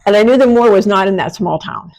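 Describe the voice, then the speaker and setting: American woman with soft, w-like R sounds. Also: medium pitch, fast, gravelly, low-quality recording. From small-town Pennsylvania, United States. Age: middle-aged. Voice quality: speech impediment on R and S sounds, r leaning toward w. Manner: self-deprecating, colloquial, frank. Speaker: podcast host and women's empowerment coach. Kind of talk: candid motivational monologue.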